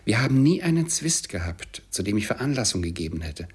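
A man's voice: lowish voice, very animated, fairly quick, slightly rough, voice pushed up, full character voice. A man voicing an earnest, cheerful young man who pleads eagerly in an audiobook. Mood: pleading.

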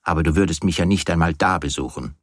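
A man's voice: low voice, quick pace, no echo, clean studio sound. A man reading an audiobook, voicing a weary, feverish man who talks in a gloomy, sardonic way.

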